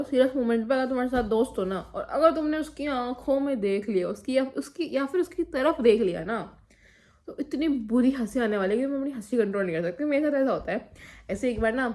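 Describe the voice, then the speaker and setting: A woman's voice: fairly high pitch, a little mellow. A teenage girl telling a rambling, giggly story about school friends in a casual vlog. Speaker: vlogger.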